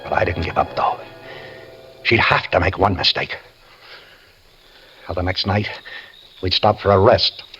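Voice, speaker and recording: An actor with a low, pushed, bright voice plays a wary, scheming handcuffed escapee, narrating at a measured pace with frequent pauses while faint music plays behind. His wry, tense first-person telling follows 1940s radio acting style, heard through a dull old radio broadcast.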